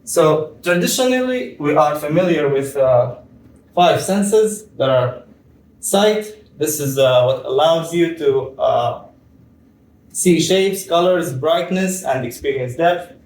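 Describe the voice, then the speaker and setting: A young man from Tunisia giving a conference presentation, explaining step by step with frequent pauses and fillers. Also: on the high side, lively intonation, darkish tone, a little hiss or hum. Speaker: PhD student presenter. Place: conference room. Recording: echoey room, far from mic.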